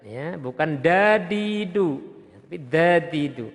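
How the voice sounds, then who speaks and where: A man gives a slow, patient recitation lesson in a fairly high, gravelly voice. He breaks verses into single sounds, then chants them in long, melodic lines. The room adds a long, echoing reverb. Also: lively intonation. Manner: patient, repeats words slowly, chants verses in a drawn-out melodic tone. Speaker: Quran recitation teacher.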